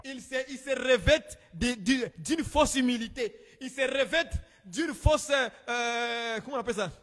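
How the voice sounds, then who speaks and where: A man preaching an exhortation, swinging between shouted rebukes and quiet asides. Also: animated, unhurried. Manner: exhorting, rising into shouts then dropping low. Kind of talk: sermon. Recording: long hall reverb.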